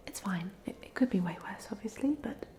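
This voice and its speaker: A woman plays the polite, chatty ghost of a drowned student in an ASMR roleplay, whispering hesitantly and rambling gently with a wry, resigned mood. Her mid-range voice is natural, animated, and brisk.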